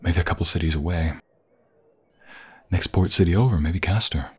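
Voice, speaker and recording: Low-pitched and halting, a man performs an intimate ASMR roleplay as a tender young vampire fiancé, his speech emotional and frequently slipping into breathy whispers. The character comes across as anxious and distressed.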